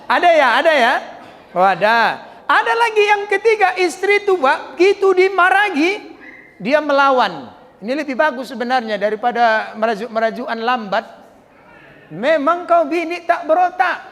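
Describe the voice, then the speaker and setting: A man with a Medan accent preaches a joking sermon, telling lively stories and slipping into characters. His voice sits high for a man. It rings with the long reverb of a large mosque hall. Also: moderate pace. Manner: joking, animated storytelling, acts out characters. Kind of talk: humorous sermon.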